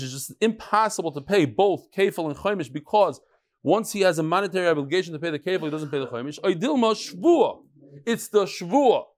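A mature man, a rabbi teaching a Talmud class in an informal, conversational way, posing questions and answering them himself. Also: sits high. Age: middle-aged or older. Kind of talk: informal lecture with chatty asides.

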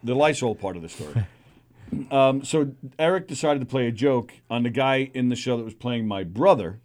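A man's voice: mid-range voice, moderate pace, a little mellow. A man co-hosting a comedy radio show who tells anecdotes with animation. His delivery stays casual and chatty.

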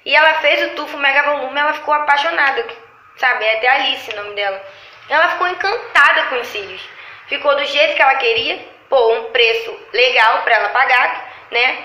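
A woman in casual chat, telling animated stories about her lash clients and acting out their lines. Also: high voice, a little fast. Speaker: lash artist. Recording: echoey room.

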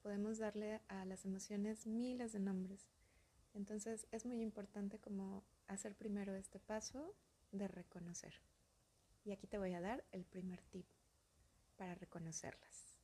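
A woman hosting a podcast, talking slowly and softly in a calm, reflective monologue that often drops to a breathy near-whisper. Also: medium pitch. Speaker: podcast host.

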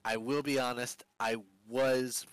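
A man's voice: mid-range voice, flat delivery, a little slow, natural voice, low-quality recording. A man playing a young male vampire prisoner, a former sailor, speaking hesitantly and trailing off in a tabletop role-play. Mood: wary. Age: young adult.

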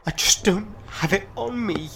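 A woman playing a frightened, desperate debtor and parent, pleading haltingly in a naturalistic drama. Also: medium pitch, gravelly, fairly bright tone. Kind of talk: naturalistic screen drama acting. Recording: noisy hum behind voice.

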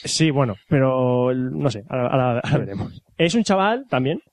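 Man, casual chat, fast, dry close sound. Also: medium pitch, dry recording. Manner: lively, swears freely, acts out quotes. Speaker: anime fan in a podcast chat.

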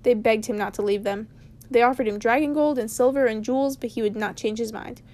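Woman reading a storybook aloud, slightly higher voice, steady and unhurried. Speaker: reader. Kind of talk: storybook read-aloud narration.

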